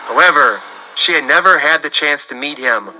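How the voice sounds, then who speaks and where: A man narrating a serialized story in an even storytelling manner. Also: fairly high pitch, moderate pace, soft background music, poor audio. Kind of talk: scripted narration.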